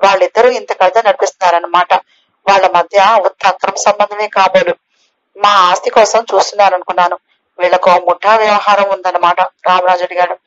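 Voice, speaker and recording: A woman's voice: medium pitch, little pitch movement, fairly quick, a bit bright. A woman reading a novel aloud as an audiobook narrator, lifting her voice a little for the characters' lines. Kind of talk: scripted narration of a novel, voicing all characters. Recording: slightly dull, lo-fi recording.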